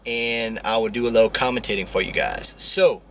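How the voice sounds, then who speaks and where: A young man talking quickly and chattily to the camera as a fitness vlogger. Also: on the low side, a bit bright, slight background noise. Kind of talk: casual vlog talk. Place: gym.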